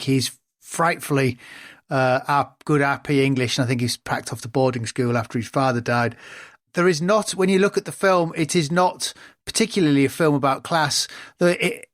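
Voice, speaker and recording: A man in a podcast film discussion, speaking in a measured way with hesitant asides. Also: on the high side, no echo. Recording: dry close recording.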